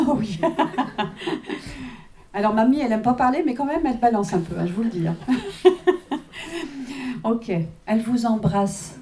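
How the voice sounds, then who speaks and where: At a live reading, a woman working as a medium chats with the audience, laughing often and constantly checking in with "hein" and "d'accord." Her voice is on the high side, animated and dark-toned, with a slow pace and frequent pauses.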